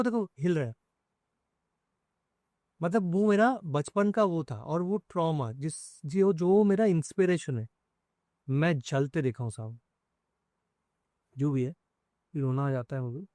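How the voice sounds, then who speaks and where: A man, a music composer, sharing an emotional personal story in an interview, speaking in a soft, halting way. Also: a little high, no room sound.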